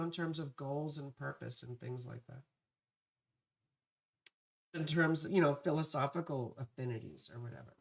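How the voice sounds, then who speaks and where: An astrology livestream host with a mid-range, fairly bright voice and a dry, parched vocal fry chats casually with viewers. Playful and scattered, she often veers into affectionate asides.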